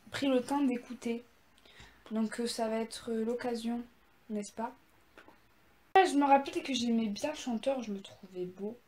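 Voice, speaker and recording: A woman's voice: a little high, darkish tone. A young woman chatting casually as she reacts to music in her vlog, rambling and poking fun at herself. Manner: chatty, rambling, self-mocking. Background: music playing.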